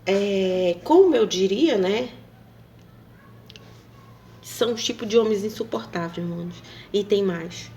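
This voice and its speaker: Woman with a rambling, gravelly voice. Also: mid-range voice, expressive, measured pace, pauses often, dark tone. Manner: rambling, hesitant, full of fillers and tag questions. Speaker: vlogger. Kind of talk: casual monologue to camera.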